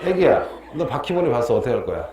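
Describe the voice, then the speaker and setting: Animated male history teacher quizzing students. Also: medium pitch, fast, echoey room, slight background noise. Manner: quizzes students, jokes and laughs often. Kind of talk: lively classroom lecture with student banter. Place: classroom.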